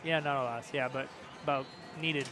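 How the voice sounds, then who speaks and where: A man's voice: mid-range voice, fairly even intonation, normal speed, over music. Chatty man calling pinball. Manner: chatty, self-deprecating, laughs often. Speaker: co-commentator at a pinball tournament stream. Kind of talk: casual live play-by-play commentary. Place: pinball arcade bar.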